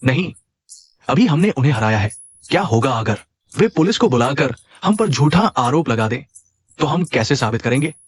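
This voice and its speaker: A man's voice: medium pitch, big pitch swings, normal speed, slightly rough, no room sound. An actor dubbing a tough, blunt older village father who taunts his enemies. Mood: cautious. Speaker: father figure in a dubbed short drama. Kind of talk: Hindi drama dubbing.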